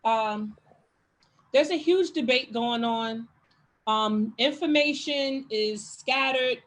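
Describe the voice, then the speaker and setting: A woman interviewer with a high voice asks her questions in a hurry. She fills her pauses with frequent ums. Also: low-quality recording. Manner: hurried, with many ums.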